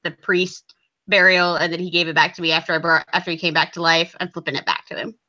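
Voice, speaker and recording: A woman's voice: lowish voice, fairly even intonation, fast, pushed and bright, lo-fi sound. A woman playing in a tabletop game, describing her actions in a rambling, self-correcting way. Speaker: player. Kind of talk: casual tabletop game chat.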